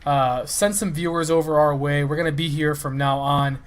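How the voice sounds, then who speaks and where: A man's voice: a little high, normal speed. A man hosting a gaming stream, casually chatting and making friendly, upbeat appeals to viewers to share the stream. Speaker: stream host.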